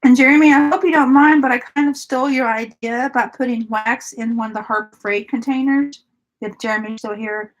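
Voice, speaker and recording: Chatty woman, higher voice. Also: steady tone, brisk, low-quality recording. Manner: chatty, giggly, talks to viewers by name. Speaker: streamer. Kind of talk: casual live-stream chat while crafting.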